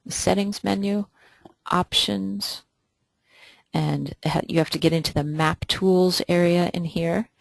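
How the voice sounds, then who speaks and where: During a live software demo, an instructor fields questions from webinar viewers, hesitating and thinking out loud with frequent pauses. The voice is medium in pitch and creaky, with no echo.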